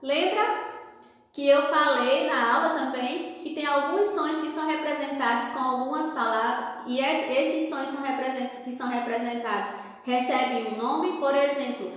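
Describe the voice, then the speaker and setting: A woman teacher with a Brazilian Portuguese accent, correcting a worksheet aloud, patiently asking questions and pausing for answers. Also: high voice, fairly bright tone. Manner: acts out sound effects and whispers for examples. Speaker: primary school teacher. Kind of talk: remote lesson correcting a worksheet. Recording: very echoey room with long reverb.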